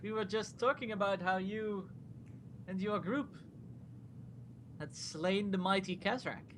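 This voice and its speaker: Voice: mid-range voice, a little slow, slight background noise, natural voice. A game master voicing a formal, courteous male prince in a tabletop game, with stately phrasing.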